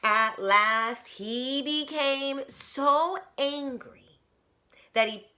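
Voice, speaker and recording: With a high-pitched voice and drawn-out words, a woman reads a picture book to young children like a teacher. She delivers it dramatically, dropping to hushed whispers and coaxing her listeners with questions.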